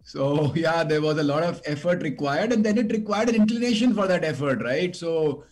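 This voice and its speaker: A man's voice: on the high side, animated, normal speed, a little mellow, soft background music. A middle-aged man from India with a north Indian accent, reminiscing casually as an interview guest, hesitant and repeating words, slipping Hindi into his English.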